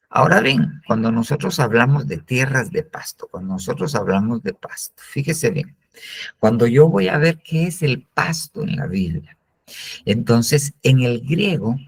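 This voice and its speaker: A man's voice: mid-range voice, husky. A man with a Guatemalan Spanish accent teaching a Bible discipleship class, repeating phrases for emphasis.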